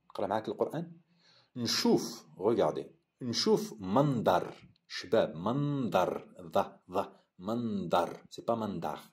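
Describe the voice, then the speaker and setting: A man with an Algerian accent teaching a language lesson, saying each phrase, repeating it slowly and explaining it. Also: lowish voice, a little mellow.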